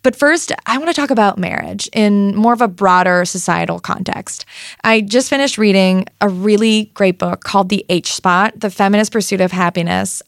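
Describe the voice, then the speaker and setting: A woman in her thirties hosts a talk show in a lively, chatty way, often laughing as she talks. The sound is close and dry, with no room around it. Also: mid-range voice, normal speed, creaky, no echo. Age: 30s. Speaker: podcast host. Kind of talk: conversational interview.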